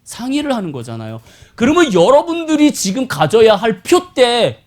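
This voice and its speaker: A man's voice: very high voice, normal speed. A middle-aged male pastor preaching a live Sunday sermon in a conversational style, often putting questions to the congregation. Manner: animated, conversational, asks the congregation rhetorical questions. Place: church worship service.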